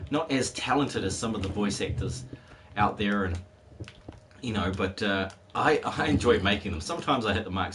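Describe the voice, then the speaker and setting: A man in his forties talks casually as he streams a game, drifting along and laughing without effort. His fairly low voice still shows a bit of wear from a cold, and there is background noise.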